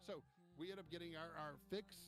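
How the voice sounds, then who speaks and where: A man telling a long trip story in casual chat, animated and profane, acting out what people said. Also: on the high side, fairly quick, over music. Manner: animated, profane, acts out quotes. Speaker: podcast co-host.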